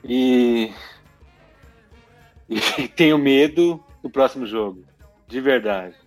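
A man talks slowly and easily as a podcast guest. His voice sits in a middle pitch, with faint music behind. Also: no room sound. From São Paulo, Brazil. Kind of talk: casual podcast chat.

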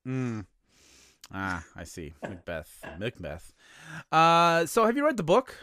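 A man hosting a casual podcast chat, speaking in a hesitant, halting way and laughing easily. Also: fairly high pitch, huge pitch swings, sharp tone, no echo, studio quality. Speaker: podcast host.

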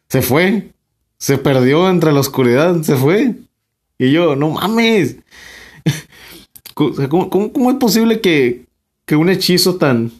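A man's voice: on the high side, darkish tone. A Mexican man spinning a casual personal anecdote, his talk full of fillers, repeated words and easy laughter. He swears freely and circles back on his own sentences as he tells it. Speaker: storyteller.

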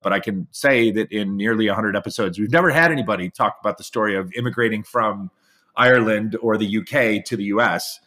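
A man's voice: on the low side, fairly quick, bright, forceful tone. An American man hosting a podcast, upbeat and effusive, introducing his guest with lots of repetition. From United States. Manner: upbeat, effusive, repeats himself. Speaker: podcast host. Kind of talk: enthusiastic interview introduction. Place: Hollywood studio.

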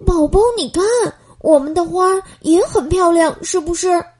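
A woman voicing George, a cheerful eager young boy in a children's storybook, with a high excited delivery. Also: moderate pace.

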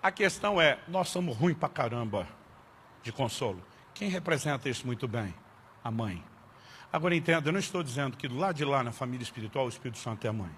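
A man's voice: mid-range voice, expressive, fast, a bit bright, slight background noise. A man, a pastor, preaching a sermon through funny family anecdotes and playing up his own exasperation. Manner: comic anecdotes with acted-out exasperation. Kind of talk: humorous storytelling sermon.

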